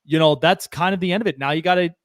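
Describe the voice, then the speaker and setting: A man's voice: fairly high pitch, fast, no echo, clean studio sound. A man co-hosting a baseball podcast, chatting casually and rambling with lots of restarts. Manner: rambling, many restarts and fillers, enthusiastic. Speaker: podcast co-host. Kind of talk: casual sports chat.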